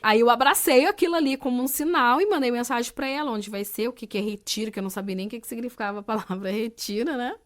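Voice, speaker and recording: A woman's voice: fairly high pitch, quick pace, hardly any pauses. A woman from Brazil telling a personal testimony in a conversational storytelling way, with frequent fillers. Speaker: interviewee recounting her testimony.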